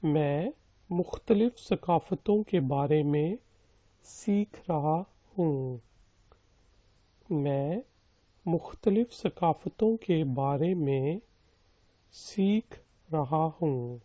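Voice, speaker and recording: A man's voice: on the high side, long pauses, warm tone, no room sound, dull audio. A man teaching a language lesson, repeating each sentence several times and splitting it word by word before explaining its meaning. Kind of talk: slow, repetitive phrase drilling with explanations.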